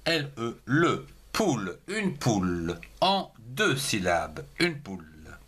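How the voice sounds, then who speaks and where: A man giving a slow handwriting lesson for young children, spelling words letter by letter and syllable by syllable. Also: on the low side, sing-song, fairly bright tone, husky. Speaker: teacher.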